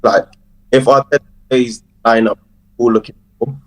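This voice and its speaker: A man calls in to a fan show, but his phone line keeps breaking up and dropping out. He talks in halting, broken-off phrases at an ordinary pitch. His voice sounds dry and close. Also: fairly even intonation, dry recording. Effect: phone call breaking up and dropping out. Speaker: caller.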